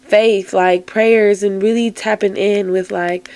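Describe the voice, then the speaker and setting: A woman's voice: medium pitch, steady tone, takes it slowly, darkish tone. A woman giving a casual, chatty tarot reading, emphatic and encouraging, full of fillers. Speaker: tarot card reader.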